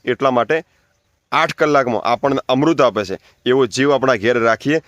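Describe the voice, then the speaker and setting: A man's voice: medium pitch, normal speed, fairly bright tone, no echo. Man earnestly urging. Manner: preachy, repetitive, urging listeners. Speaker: natural farming advocate. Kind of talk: earnest spoken appeal.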